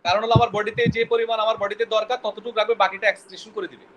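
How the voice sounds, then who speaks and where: Fast, high-voiced man teaching biology. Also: level tone, fairly bright tone, slight background noise, poor audio. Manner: quizzing, mixes English terms, stumbles over words. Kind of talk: classroom lecture with questions to students.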